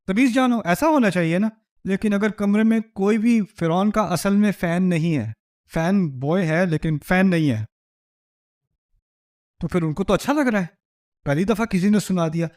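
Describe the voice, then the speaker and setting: A man with a high voice delivers a religious lecture full of humor. He tells the story in a lively way, asks his audience rhetorical questions and slips in jokes. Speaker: Islamic lecturer.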